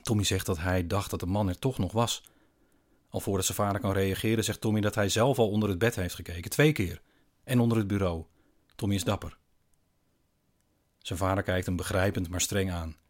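A man narrating a scripted eerie bedtime story in a quiet, slow, hushed way with long pauses. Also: deep voice, steady tone.

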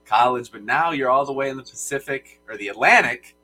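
A man's voice: mid-range voice, fairly quick, pushed and bright, soft background music, low-quality recording. A young man from Michigan co-hosting a casual sports podcast, with an upbeat, hype-man delivery. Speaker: podcast co-host.

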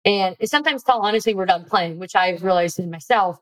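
A young woman, a former college softball player, hosting a podcast with upbeat, encouraging chat. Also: mid-range voice, fairly quick, poor audio. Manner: upbeat, encouraging, reads ad lines. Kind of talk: casual interview chat.

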